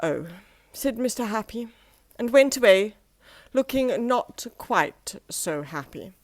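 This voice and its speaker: A woman reading a children's story aloud in a gentle, expressive storytelling way. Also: a little high, slow pace, no echo.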